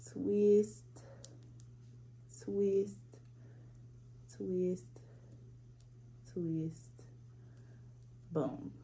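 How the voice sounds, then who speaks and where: A woman hosting a hair tutorial, casually talking through each step as she works with her hands, recorded on a propped-up phone. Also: lowish voice. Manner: relaxed, instructive, talks through each hand step. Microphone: phone propped up on a spray bottle.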